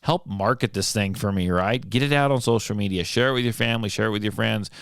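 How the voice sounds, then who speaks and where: A middle-aged man hosting a casual solo podcast, rambling with many restarts and repeated words, and a little hoarse because his voice is going. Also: lowish voice, fast talker, a bit bright, dry recording, studio quality. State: losing his voice. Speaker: podcast host.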